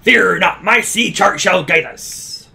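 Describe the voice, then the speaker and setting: A man voicing a gruff old male pirate sea captain with a growling drawl, reading game dialogue aloud. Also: sits high, slow, bright, forceful tone, a little hiss or hum, heavily acted. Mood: reassuring.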